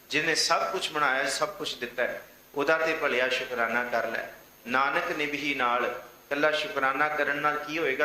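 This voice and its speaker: A man preaching and explaining scripture verses, reciting quotations slowly between his explanations. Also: a little high, sharp tone. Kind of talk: religious discourse. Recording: echoey room with faint noise.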